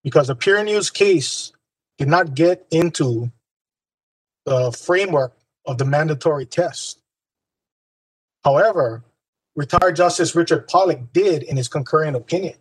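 Male attorney, formal legal argument, slightly high husky voice, dry sound. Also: unhurried, long pauses, no echo, low-quality recording.

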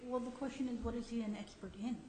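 A woman's voice: on the high side, fairly even intonation, fast, mellow. A woman attorney answering judges in oral argument, insistent and repeating words as she goes. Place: echoey courtroom. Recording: echoey room, faint noise.

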